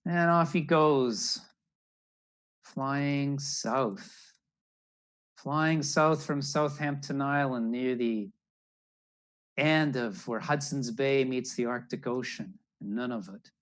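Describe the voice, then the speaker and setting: This older man has a medium-pitched, fairly bright voice and reads slowly, leaving long pauses. He's sharing a children's picture story as a naturalist, explaining as he goes, over a video call indoors on a computer microphone.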